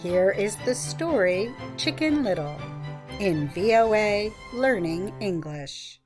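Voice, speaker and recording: Slow, careful female host over music. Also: mid-range voice, animated. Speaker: program host. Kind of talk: scripted learner-friendly introduction.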